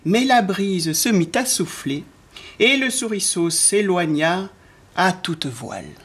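A woman in her forties reading a children's storybook aloud, slowly and expressively. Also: lowish voice, lively intonation, slightly rough. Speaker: reader of a children's book.

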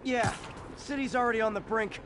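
An actor playing a quippy, earnest young male superhero who mutters to himself while fighting, over loud game music. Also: extremely high pitch, a little fast, background noise. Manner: wry, talks to himself while working.

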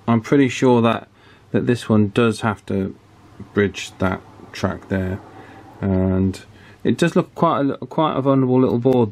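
This man's voice is fairly low and a little mellow. He's a radio repair hobbyist at an indoor electronics workbench, demonstrating informally and hesitantly as he talks through each step.

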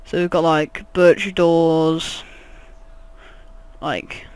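A man's voice: fairly high pitch, level tone, drawn-out words, clean tone, no room sound. A man giving rambling, jokey let's play commentary, swearing often. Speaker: gaming channel host.

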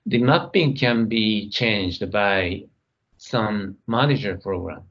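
Low-voiced man giving a technical keynote. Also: highs cut off. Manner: measured, reading slides, some non-native grammar. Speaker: keynote speaker.

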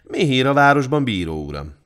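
A man voicing a shrewd male king in disguise in a storybook tale, asking calm, probing questions. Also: mid-range voice, clear, resonant tone, pitched above the performer's own voice.

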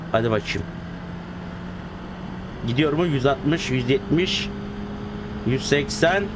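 A young man giving casual gameplay commentary as a YouTuber, swinging between loud excited outbursts and low muttering. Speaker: gaming YouTuber. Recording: clear background noise. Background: game car sounds.

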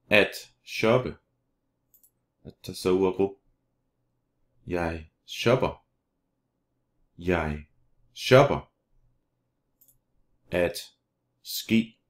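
A man teaching vocabulary, saying each word slowly and then repeating it. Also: low voice. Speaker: language teacher. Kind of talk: slow vocabulary drill reading.

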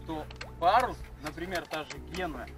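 A man's voice: a little high, normal speed. A man sailing a yacht, explaining things in a casual, matter-of-fact way. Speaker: sailor, co-host. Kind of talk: casual chat. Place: sailing yacht at sea, outdoors. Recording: loud wind and boat noise.

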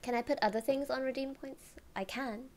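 A woman streamer chatting casually, giggling often and drifting into soft whispers. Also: high-pitched, steady tone, brisk.

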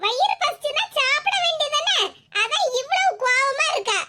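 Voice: very high-pitched, lively intonation, normal speed. A performer voicing a bitter, grumbling old mother in a cartoon, with a Tirunelveli Tamil accent and a scolding, self-pitying way of talking. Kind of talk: cartoon voice acting. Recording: loud background noise.

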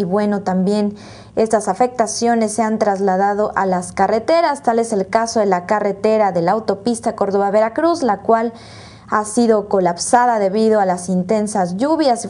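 A woman's voice: medium pitch, mellow. A woman in her thirties with a Mexican accent, presenting news in a television studio. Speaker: news anchor.

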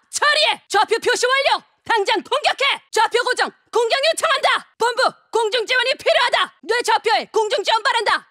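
A woman voicing a tough, brash female soldier in a video game, shouting short combat commands and taunts into a close studio mic. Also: very high-pitched, dry recording. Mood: commanding. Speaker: voice actor. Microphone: close studio mic, dry booth.

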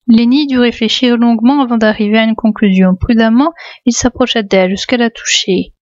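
Woman reading a novel aloud, calm and measured, dry and a bit muffled. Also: a little high, no room sound. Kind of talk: audiobook narration.

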